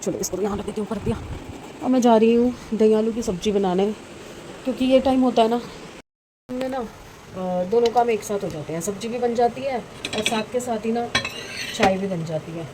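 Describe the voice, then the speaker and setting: A woman's voice: a little high, moderate pace, warm tone, poor audio. A middle-aged woman casually vlogging at home, chatting as she works through her chores and cooks in her kitchen. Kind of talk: casual home vlog narration. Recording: frying sizzle and household noise behind.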